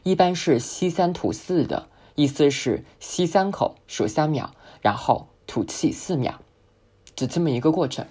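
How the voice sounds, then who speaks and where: A woman whose first language is Chinese, teaching an English speaking lesson and slowly modelling words for the listener to repeat. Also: low-pitched, expressive, mellow, breathy edge. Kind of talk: spoken English pronunciation lesson.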